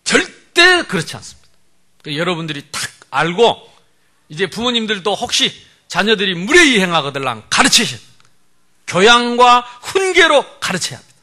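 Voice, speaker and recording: Male pastor, sermon. High voice that jumps all over, swinging loud to soft, joking with the room. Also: normal speed. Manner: animated, humorous preaching, swinging from loud to soft.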